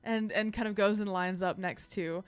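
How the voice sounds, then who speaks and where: A woman's voice: medium pitch, steady tone, normal speed, smooth. A woman narrating as game master in a tabletop game, chatty and loosely improvised, with plenty of fillers.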